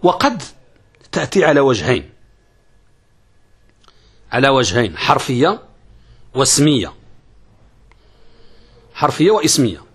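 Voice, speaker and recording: A man's voice: mid-range voice, sing-song, slightly rough. A man teaching a classical grammar lesson, asking questions and answering them himself, repeating key phrases. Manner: uneven pace, stretching some words and rushing others.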